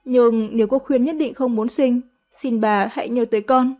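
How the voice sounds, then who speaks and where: A woman's voice: fairly high pitch, steady tone, moderate pace, a little mellow, close to an everyday voice. A woman voicing a fawning teenage servant girl who sweet-talks in a coaxing, sugary way. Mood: pleading.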